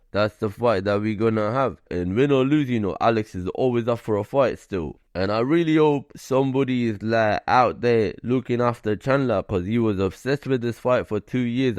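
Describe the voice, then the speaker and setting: A man's voice: mid-range voice, dry recording. Slangy, laid-back man with a dry sound. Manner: loose, slangy, lots of "like" and "you know". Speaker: combat sports commentator, channel host. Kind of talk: casual commentary vlog.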